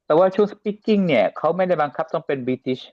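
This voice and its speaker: A man's voice: on the high side, lively intonation, a little fast, no room sound, lo-fi sound. A man speaking as a student in an online class, hesitant, searching for words and switching between languages. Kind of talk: casual questions in class.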